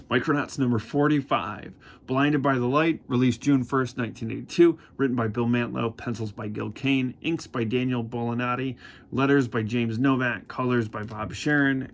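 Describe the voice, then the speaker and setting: A man's voice: medium pitch, a bit bright, a little hiss or hum. A man in his forties hosts a casual comic review vlog. He rambles with enthusiasm and uses many fillers. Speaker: comic book reviewer host.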